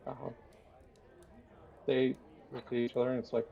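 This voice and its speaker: A man narrating a tabletop game as game master, unhurried and hesitant, with many fillers. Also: medium pitch, completely flat delivery, muffled recording.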